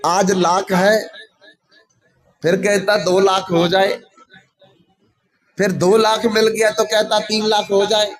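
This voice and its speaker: A male religious storyteller gives a devotional discourse with a very high voice. He draws each phrase out slowly and addresses the listeners as brothers. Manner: slow, drawn-out storytelling addressing the audience as brothers.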